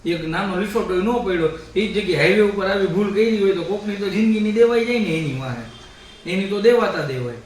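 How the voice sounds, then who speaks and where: Man, animated story retelling, high voice, very echoey room, distant mic. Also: brisk, slight background noise. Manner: animated retelling with acted-out quotes. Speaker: family vlogger telling a story. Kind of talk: casual storytelling.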